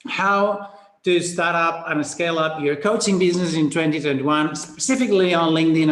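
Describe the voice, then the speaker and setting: A man from Spain with a Spanish accent hosts a live online webinar, his fairly high, slightly bright voice captured by a computer mic in a roomy, echoing space. He's chatty and upbeat, greeting people by name and filling his talk with fillers and quick restarts.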